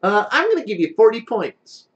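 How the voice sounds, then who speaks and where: A man's voice: high voice, sing-song, moderate pace, lo-fi sound, pitched above the performer's own voice. A man voicing a generous, impressed contest judge in a tabletop game, enthusiastic and approving. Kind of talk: tabletop game role-play.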